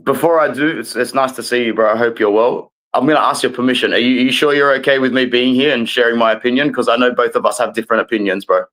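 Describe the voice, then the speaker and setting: A man appearing as a guest fan, giving a passionate rant. He stays calm on the surface but presses every point hard, lecturing the other fans. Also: medium pitch, quick pace, hardly any pauses, poor audio.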